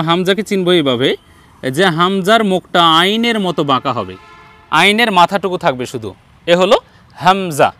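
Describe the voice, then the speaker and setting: A man with a Bangladeshi Bengali accent teaching Arabic letter pronunciation in an online Quran lesson, speaking slowly and patiently and drawing out each letter sound. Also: high voice, sharp tone. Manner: slow, patient, drawn-out letter demonstrations.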